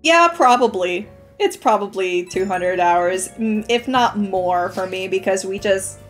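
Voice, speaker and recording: A young woman streaming a game, chatting casually with her viewers, laughing often and swearing freely. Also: mid-range voice. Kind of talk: casual gaming commentary.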